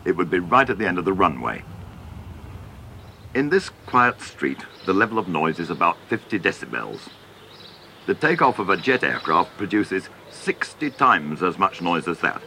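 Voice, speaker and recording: A man giving measured, scripted narration for a television documentary. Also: deep voice, very animated, pushed and bright, slight background noise.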